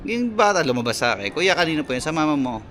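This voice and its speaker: A man's voice: fairly high pitch, very animated, fast. A young Filipino man, a delivery rider, talking in a casual vlog rant, exasperated and scolding. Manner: exasperated, scolding, filler-heavy. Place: outdoors on a motorcycle. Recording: loud road and engine noise. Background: traffic and engine noise.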